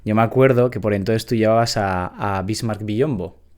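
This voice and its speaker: Thirtyish man, lowish voice, loose storyteller who swears casually. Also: normal speed, darkish tone. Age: 30s. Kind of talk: casual anecdote.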